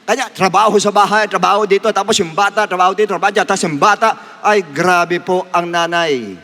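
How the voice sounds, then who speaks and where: A man's voice: steady tone, brisk, sharp tone. A man, a pastor, preaching a sermon with emotion, pushing his voice up for emphasis. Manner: emotional, rising to emphatic high pitch. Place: church worship service. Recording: long echo of a church hall.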